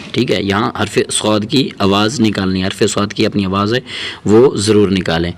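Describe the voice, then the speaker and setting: A man, teaching Quran reading in a patient way, repeating his points and drawing out each recited letter. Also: fairly low pitch. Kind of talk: explaining a lesson.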